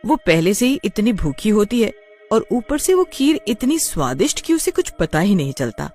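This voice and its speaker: A woman narrating a scripted cartoon story in an expressive, dramatic way. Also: mid-range voice, moderate pace, soft background music.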